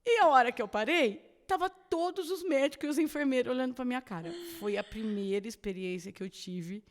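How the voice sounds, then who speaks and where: A woman podcast guest giving a personal faith testimony, telling it as a lively story and acting out the dialogue. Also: fairly high pitch, brisk, a little hiss or hum. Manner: animated storyteller who acts out quoted dialogue. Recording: long reverb, roomy sound.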